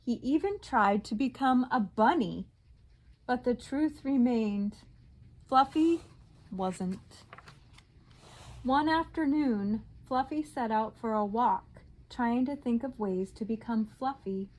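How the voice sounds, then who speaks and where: A woman teacher reading a picture book aloud to her class in a slow, expressive storyteller voice that drops soft on the tag lines. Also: fairly high pitch.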